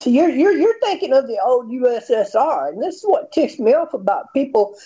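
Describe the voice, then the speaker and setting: A man in his fifties with an American accent and a high-pitched voice, arguing bluntly and swearing in a heated casual debate. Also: big pitch swings, a little fast, mellow, dull audio. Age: 50s. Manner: argumentative, blunt, profane.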